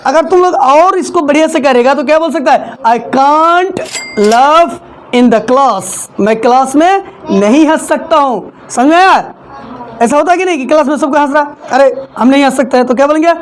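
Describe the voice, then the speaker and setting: A woman's voice: high-pitched, normal speed. A woman teaching English in a classroom, repeating each point and having the class echo it back. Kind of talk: classroom lesson, call-and-response drilling.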